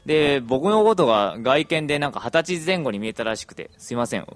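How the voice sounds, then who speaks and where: Chatty young man with lively, swooping intonation. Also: mid-range voice, fairly quick, dry recording, soft background music. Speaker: podcaster. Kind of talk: casual podcast monologue.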